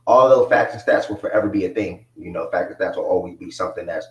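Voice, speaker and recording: Low-pitched and quick, a man in his twenties hosts a live sports talk show, rambling casually and using a lot of fillers. The audio is lo-fi and echoey, with the voice far from the mic because it isn't connected.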